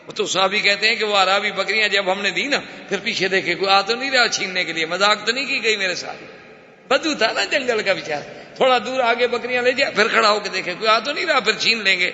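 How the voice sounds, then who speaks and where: A male preacher giving an animated, dramatic storytelling sermon, recorded in an echoey hall. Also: high voice. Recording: echoey hall, dull lo-fi sound.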